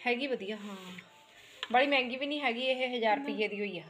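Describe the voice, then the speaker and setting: A woman's voice: on the high side, fast, fairly bright tone, faint music behind. A middle-aged woman with an Indian Punjabi accent chatting casually as a family vlog host, often checking in with little tag words. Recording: echoey room, faint background noise.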